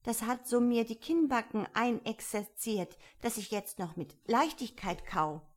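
A woman voicing a polite, timid young girl in a storybook reading, pitched up and eager. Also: expressive, measured pace, darkish tone. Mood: reciting. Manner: higher, eager, slightly tearful. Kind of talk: audiobook character voice.

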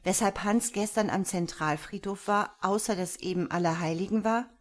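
A woman voicing a seasoned female police detective, speaking in a brisk, matter-of-fact way. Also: medium pitch, lightly acted. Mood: formal.

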